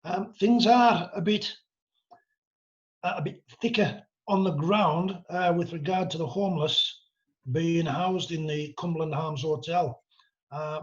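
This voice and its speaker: A man speaking as a town councillor in a meeting over a video call. His remarks are courteous and halting, with frequent pauses. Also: fairly high pitch. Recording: dull lo-fi video call audio.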